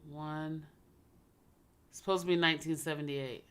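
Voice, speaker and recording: A woman with a low voice talks slowly and quietly over a late-night game stream. She spells out letters one by one in a hushed tone. A steady noise hisses behind her.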